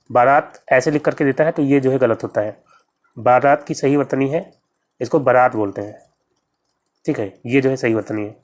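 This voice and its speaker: A man with a medium-pitched, slightly mellow voice teaches an exam-prep grammar lesson. He goes through each question step by step, repeating every answer and its spelling.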